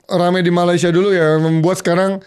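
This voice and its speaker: A man's voice: high voice, little pitch movement, brisk, a little mellow, clean tone. A man co-hosting a podcast, chatting casually and swearing in short reactions. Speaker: podcast co-host. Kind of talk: casual chat.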